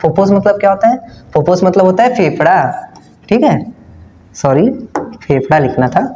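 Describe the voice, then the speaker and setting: High-voiced Hindi-accented science teacher. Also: male voice, lively intonation, normal speed, dark tone, muffled recording, slight background noise. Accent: Hindi-speaking North Indian. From India. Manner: repeats key terms, asks and answers own questions; casual, addresses students as brother and kids. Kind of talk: online class lesson with diagram.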